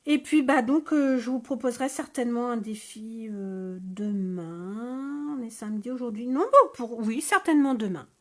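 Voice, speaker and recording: Speaking French at normal speed, this scrapbooking host runs a live stream on her phone, talking casually with viewers through frequent hesitations and fillers. Her voice is fairly high with lively intonation.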